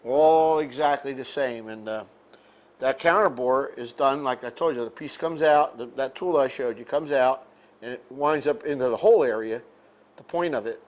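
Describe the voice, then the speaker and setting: A man's voice: mid-range voice, moderate pace. An older man, a machinist, explaining step by step in a plainspoken, casual way. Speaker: machinist demonstrating his lathe. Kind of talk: casual shop demonstration. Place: indoor home machine shop. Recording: noisy machine shop background. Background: running machinery noise.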